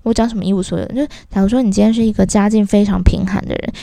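Gravelly, exasperated Taiwanese woman venting. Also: medium pitch, steady tone, rapid-fire, dark tone, no room sound. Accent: Taiwanese Mandarin. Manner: exasperated and venting, switching voices to quote people. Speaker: podcast host. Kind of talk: casual ranting monologue.

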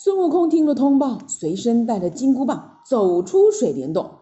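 A woman narrating a classic children's story in an expressive, animated way. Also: fairly high pitch, normal speed, highs cut off.

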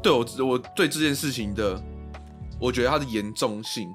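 A man's voice: mid-range voice, fairly quick, fairly bright tone, faint music behind. A man co-hosting a podcast, rambling and hesitant in casual chat, with the odd swear word. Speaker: podcast co-host.

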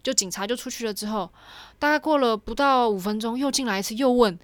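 A young woman casually telling a personal story, animated and chatty with lots of fillers. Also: a little high, quick pace, no room sound. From Taiwan.

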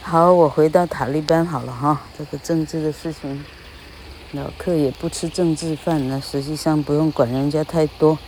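A woman with a Taiwanese Mandarin accent, chatting casually as an English teacher, often laughing and spelling words out slowly. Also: deep voice, steady tone, darkish tone, slight background noise.

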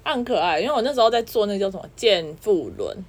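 Quick chatty girl telling gym stories on a podcast. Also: medium pitch, big pitch swings, slightly rough. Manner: quick, chatty storytelling with frequent laughs. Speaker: podcast co-host. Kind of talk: casual chat.

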